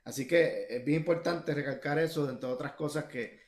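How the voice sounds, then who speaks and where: A man's voice: on the high side, fairly quick. Puerto Rican man, young musician, rambling speech full of fillers, echoey room on a video call. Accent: Puerto Rican Spanish. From Puerto Rico. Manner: rambling with many fillers and restarts. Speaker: musician guest. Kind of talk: casual interview talk.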